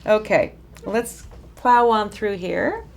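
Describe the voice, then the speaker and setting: A woman with a raspy voice teaching a counseling workshop in a chatty, informal way, often restarting her sentences. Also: mid-range voice, animated, slow. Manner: chatty, warm-hearted asides with frequent restarts and fillers. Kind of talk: informal teaching talk to a small group.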